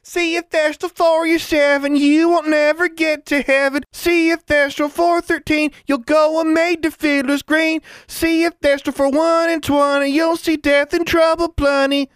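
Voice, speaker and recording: A strange little girl droning a slow chanted rhyme, as a man reading puts her on. The voice is pushed very high, far above his low natural tone, loud and drawn out. The sound stays dry and close. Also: flat delivery, dry recording. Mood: singsong.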